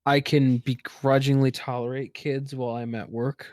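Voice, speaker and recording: A man's voice: medium pitch, flat delivery, moderate pace, darkish tone, slight background noise. A young man co-hosting a casual podcast chat, telling work stories with sarcastic humor and frequent laughs. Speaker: podcast co-host.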